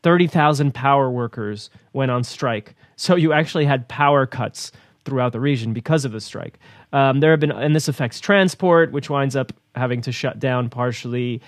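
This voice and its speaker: A man's voice: mid-range voice, normal speed, dry recording, clean studio sound. A man co-hosting a news talk program, rambling casually with repeated words and easy laughs.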